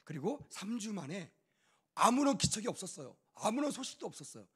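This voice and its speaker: A young adult man, a youth pastor, telling a personal testimony in a sermon with animated storytelling and acted-out voices. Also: high voice, fairly quick, husky.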